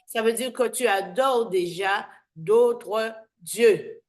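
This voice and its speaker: Woman teaching the bible casually, kinda high voice, stops and repeats herself a lot, keeps going "hein?". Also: darkish tone. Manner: halting, repeats words, keeps asking "d'accord?" and "hein?". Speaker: evangelist and host.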